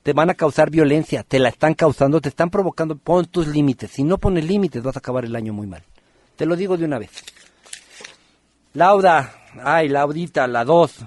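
A man hosts a radio podcast, reading numerology for callers in a lively, teasing way. His voice sits a little high for a man, and the sound is dry and close to the mic. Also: dry recording. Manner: lively, teasing, addresses listeners by name with rapid questions.

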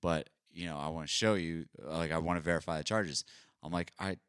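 A man's voice: extremely low pitch, a little fast, smooth, no room sound, clean studio sound. A young adult man co-hosting a podcast, telling stories in casual chat and acting out what other people said. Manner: animated storyteller, acts out quoted dialogue. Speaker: podcast co-host.

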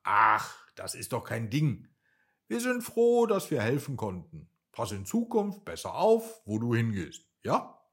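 A huge, kindly whale, as a male storyteller puts him on, cheerful and reassuring. He speaks unhurried, with a husky warmth, his pitch swinging widely. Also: huge pitch swings, exaggerated voice. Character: big friendly whale, cheerful and kind.

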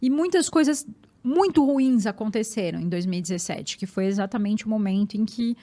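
A woman with a Brazilian Portuguese accent, a guest and marathon runner, telling her story in an animated, emphatic way and often repeating words. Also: medium pitch, a little fast. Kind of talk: personal storytelling in conversation.

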